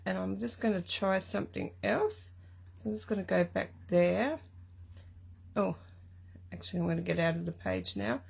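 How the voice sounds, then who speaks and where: She's a middle-aged woman from Tasmania, Australia, with a croaky, mid-range voice. Live-streaming crafts from her craft room, she chats loosely and rambles, peppering her talk with ums.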